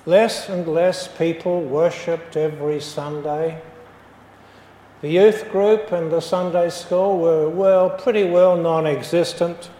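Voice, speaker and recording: Preaching a sermon in a roomy church hall that gives a long echo, a male pastor speaks high and unhurried, with a steady, dark tone. He tells his story and hammers each point with emphasis, and a faint hiss or hum sits under the recording.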